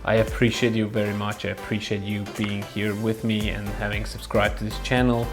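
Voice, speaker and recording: Young guy from switzerland vlogging, kinda hesitant, laughs a lot, soft music way in the back. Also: lowish voice, little pitch movement, normal speed. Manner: thoughtful, hesitant, chuckles often. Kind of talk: casual chat to camera.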